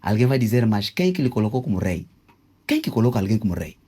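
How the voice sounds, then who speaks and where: A man answering interview questions in a didactic way, often pausing and sounding out words syllable by syllable. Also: on the low side, sing-song, warm tone, breathy edge. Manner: didactic, spells out Kikongo words syllable by syllable with many hesitations. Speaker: interviewee, self-proclaimed traditional king.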